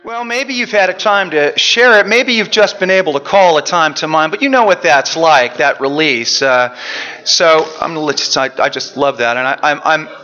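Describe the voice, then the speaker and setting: Bright-voiced male preacher telling a story. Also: a little high, normal speed, lo-fi sound. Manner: storytelling, self-deprecating, chatty asides. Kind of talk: sermon with personal story. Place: church.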